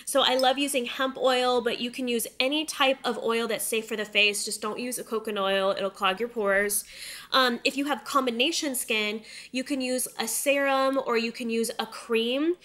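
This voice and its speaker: Seated near the camera in an indoor studio room, a makeup tutorial host in her thirties talks casually to her audience while recovering from a cold. Her voice runs on the high side and fairly bright, with fairly even intonation, a moderate pace, and a nasal, slightly stuffy-nosed quality.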